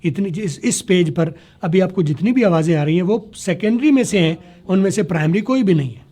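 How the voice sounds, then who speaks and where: A man teaching spoken English to a class, spelling words letter by letter, slowing down to model sounds and checking that students follow. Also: high-pitched, warm tone. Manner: slows down to demonstrate pronunciation. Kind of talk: classroom lecture.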